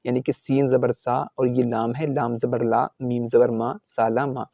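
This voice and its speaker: A man teaching Quran reading, patiently sounding out letters syllable by syllable in a slow step-by-step drill. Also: medium pitch, little pitch movement, vocal fry, mellow, no room sound.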